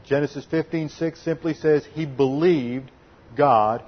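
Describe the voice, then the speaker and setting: Male pastor, mid-pitched, slightly husky, methodical teaching sermon, muffled lo-fi recording. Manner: deliberate teaching tone, stresses and slows key words. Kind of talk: expository Bible teaching sermon.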